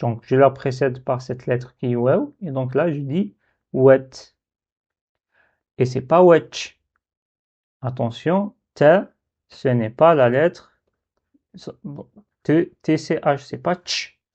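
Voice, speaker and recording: A man teaching the Arabic alphabet step by step, slowly repeating syllables for learners to copy. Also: mid-range voice, darkish tone, highs cut off. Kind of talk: step-by-step letter lesson.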